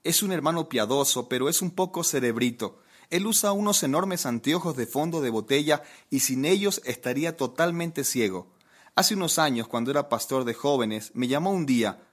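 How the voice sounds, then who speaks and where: A man's voice: medium pitch, normal speed. A man preaching a sermon, telling a funny anecdote and asking his listeners questions. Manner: lively anecdote-telling, asks the audience questions. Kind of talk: humorous sermon storytelling.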